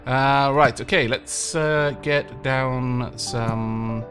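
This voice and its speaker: Drawing out his words in a steady, fairly bright mid-range voice, a let's play host with a slight cold provides casual commentary as he plays. He talks playfully to himself and to the tenants in the game, while game music runs in the background.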